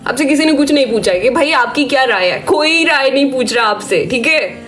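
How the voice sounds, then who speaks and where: A woman with a hoarse, sore-throated voice delivering a stern warning rant to her live-stream viewers, scolding them and asking "okay?" after each point. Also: high voice, lively intonation, brisk, fairly bright tone, faint music behind. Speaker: social media creator on a live stream.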